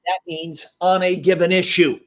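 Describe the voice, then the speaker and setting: A man preaching a sermon to a seated audience, animated, laughing often and swinging from quiet asides to shouted lines. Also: sits high, moderate pace. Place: church or meeting hall with seated audience.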